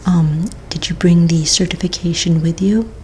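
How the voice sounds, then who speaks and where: Playing a courteous, patient office manager at a fantasy pet registry, this woman keeps her lowish, nearly everyday voice to a breathy near-whisper for an ASMR roleplay. She sounds calm and polite, unhurried and gentle, pausing hesitantly while checking papers, as a keyboard types under faint-to-clear background noise.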